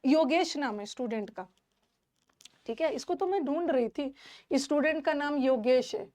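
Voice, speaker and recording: A woman's voice: sits high, moderate pace, a little mellow. A woman teaching an English class online, who scolds her students indignantly and mixes English words into her speech.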